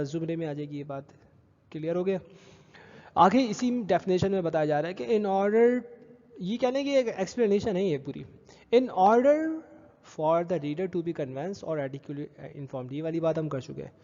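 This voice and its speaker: Male college teacher, slightly high mellow voice, patient slide-lecture delivery, lo-fi echoey sound. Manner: explains slowly, repeating terms in two languages; checks understanding with short questions. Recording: dull lo-fi echoey room.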